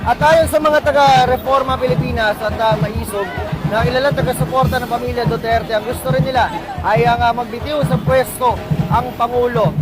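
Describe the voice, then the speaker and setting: A man's voice: very high voice, fairly even intonation, normal speed, poor audio. A Filipino man giving a live field news report as a TV reporter, outdoors on a city street. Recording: loud music and crowd noise behind. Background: loud music, crowd, street traffic.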